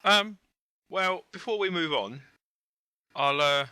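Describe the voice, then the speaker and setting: A man's voice: on the high side, animated, pushed and bright, clear, resonant tone, no echo. A man from Britain playing a tabletop game, bantering and joking with the others. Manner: bantering, quick jokes. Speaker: player. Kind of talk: casual tabletop game play.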